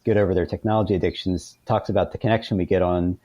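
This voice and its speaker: A man with a low, mellow, steady voice speaks at a quick pace, explaining things conversationally as an interview guest. He's hesitant, often repeating words and saying "you know," and the audio is dull with no room sound.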